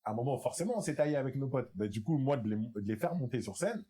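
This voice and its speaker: A young man, an improv performer, in a casual panel talk, animated and laughing often, with many restarts. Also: medium pitch, fast talker.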